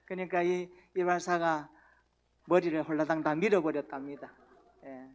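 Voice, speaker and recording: A man's voice: on the high side, fairly even intonation, normal speed. A male pastor preaching a sermon in a church, folksy and joking with the congregation. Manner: folksy, tells jokes and invites the congregation. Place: church sanctuary.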